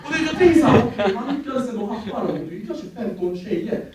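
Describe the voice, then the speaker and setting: A young man telling animated stand-up stories and acting out the people in them. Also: sits high, heavy background noise. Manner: animated, acting out quoted people in many voices. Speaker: stand-up comedian. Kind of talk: stand-up storytelling. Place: stage before a live audience. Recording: echoey room from far off, audience laughing.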